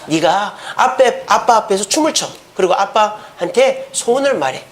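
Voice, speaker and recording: A man's voice: high-pitched, expressive, normal speed. Man doing a scheming queen mother. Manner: conspiratorial, persuasive.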